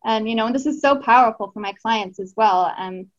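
Woman guest, heartfelt and rambling, slightly high voice, dull lo-fi line. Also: brisk. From Canada. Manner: earnest, heartfelt, many fillers and restarts. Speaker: guest, Tantra teacher. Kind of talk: casual podcast interview.

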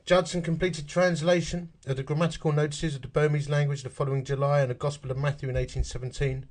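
A man's voice: fairly high pitch, flat delivery, quick pace, darkish tone. A man with an Essex accent reading a history article aloud, stopping for chatty asides and working out dates and numbers as he goes. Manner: chatty, works figures out aloud.

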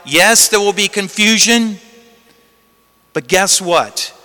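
Priest preaching slow n emphatic, repeats himself, bright resonant voice, big cathedral echo all around. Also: male voice, sits high. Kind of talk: gospel reading and homily. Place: large church. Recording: long echoing church reverb.

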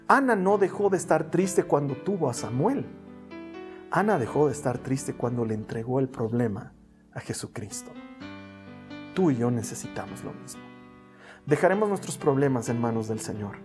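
A male pastor preaching a sermon, earnest, building to emphatic peaks and then dropping low and slow. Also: a little mellow, slightly rough.

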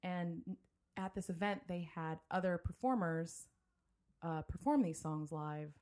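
A woman's voice: on the low side, measured pace, a little mellow. A woman hosting a casual podcast from a home studio, chatting loosely with many fillers and restarts. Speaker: podcast host. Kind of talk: casual chat. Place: home studio, drinking with a guest.

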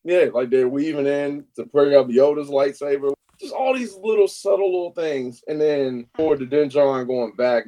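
An excited man co-hosting a casual podcast chat. He talks in an animated way at a medium pitch and swears now and then. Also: rough recording. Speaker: podcast co-host.

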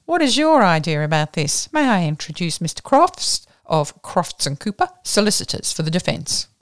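A woman's voice: on the low side, very animated, normal speed, no echo, studio quality. An Australian woman voicing a pompous, formal male barrister who speaks in an emphatic way.

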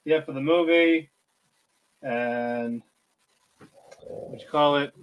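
A man's voice: on the high side, slow, clean tone. A man co-hosting a podcast, recapping an anime in casual chat, loose and full of fillers and swearing. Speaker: podcast co-host.

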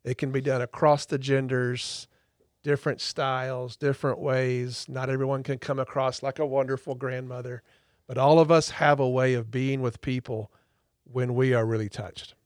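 A man's voice: medium pitch, level tone, normal speed, no echo. A man with a mid-range voice teaches therapy technique with conviction, repeating words to drive points home. His voice sounds dry and close, with no room around it. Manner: emphatic, repeats words for stress. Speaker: podcast co-host, therapist trainer. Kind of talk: teaching explanation.

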